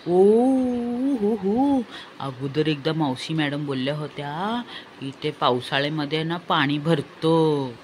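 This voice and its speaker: A woman's voice: deep voice, fairly even intonation, measured pace, slight background noise. A woman vlogger giving mocking comic commentary in a teasing way, repeating phrases in a sing-song tone and often laughing.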